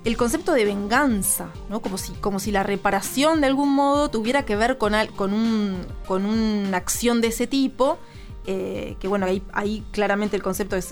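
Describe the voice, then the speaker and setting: A woman co-hosting a radio program, searching for her words with frequent restarts. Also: medium pitch. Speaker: radio show co-host.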